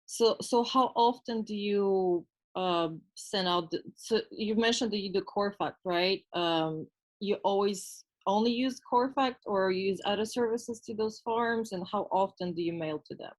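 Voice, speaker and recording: A woman's voice: medium pitch, a little slow, rough recording. A woman asking hesitant questions over a video call, with fillers. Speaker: audience member asking questions.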